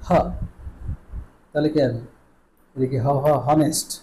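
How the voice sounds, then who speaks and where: A man with a Bangladeshi accent teaching English pronunciation in an online lesson, drilling sounds slowly and switching between Bengali and English. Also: mid-range voice, steady tone, mellow, a little hiss or hum, rough recording.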